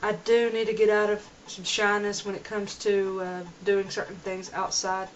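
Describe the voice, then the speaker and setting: This young woman's casual home vlog is earnest but delivered completely flat, at medium pitch and normal speed, as she rambles and restarts sentences. Her camera mic gives it a dull lo-fi quality with a little hiss or hum.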